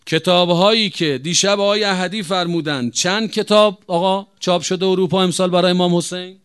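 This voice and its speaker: A man's voice: sits high, fairly even intonation, fairly bright tone, smooth. A man delivering a religious sermon, speaking emphatically and addressing listeners as brothers and sisters. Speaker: preacher.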